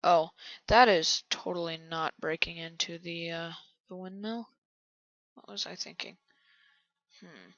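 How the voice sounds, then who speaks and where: A man quietly commenting on his own game build, often half-whispering to himself. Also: on the high side, steady tone, measured pace, no room sound, dull audio. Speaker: channel host building in a video game.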